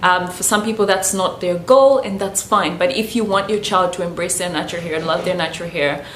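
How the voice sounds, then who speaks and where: On the low side yet brisk and fairly bright, a woman from Zambia who vlogs about natural hair gives casual, chatty care tips to camera, often dropping "you know." Slight hiss or hum sits under her voice, and the room is echoey with faint ambience.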